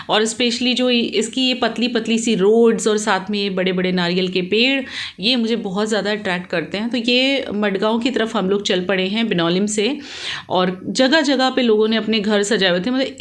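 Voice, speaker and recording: A woman in her thirties chatting casually to the camera as a daily vlogger, mixing English words into her Hindi. She speaks into a handheld phone, first indoors at a resort and then outdoors on a scooter ride. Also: fairly high pitch. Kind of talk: casual vlog narration to camera.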